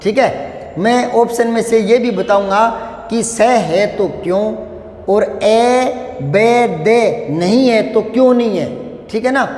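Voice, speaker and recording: Man, Hindi teacher, high-pitched, slow, rhythmic word drill, echoey room. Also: darkish tone. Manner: repeats word pairs in a slow rhythmic recitation. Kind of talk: vocabulary drill lesson.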